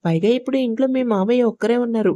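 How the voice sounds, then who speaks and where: A woman's voice: fairly high pitch, rapid-fire, warm tone, dry recording, lo-fi sound, natural voice. Woman voicing a harsh jealous husband. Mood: accusing. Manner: scolding, accusing. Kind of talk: storybook narration.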